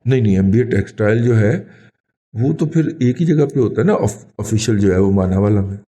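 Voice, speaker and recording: Rambling Pakistani man, animated commentary. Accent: Pakistani Urdu. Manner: animated, rambling, pitch jumps when emphatic. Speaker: co-host, elder commentator. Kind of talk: casual talk-show commentary.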